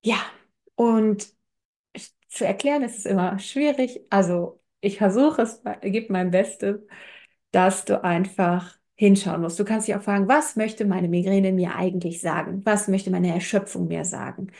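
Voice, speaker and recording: A woman's voice: mid-range voice, fairly even intonation, measured pace, gravelly, darkish tone. A woman giving an earnest self-help talk on emotions and exhaustion, speaking straight to the listener and voicing inner thoughts in quotes. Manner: addresses the listener directly.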